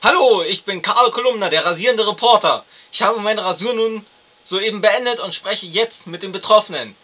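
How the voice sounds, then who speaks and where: Male performer as pompous eager roving reporter, mock report, raised forceful delivery, slightly muffled. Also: high voice, moderate pace, pitched above the performer's own voice.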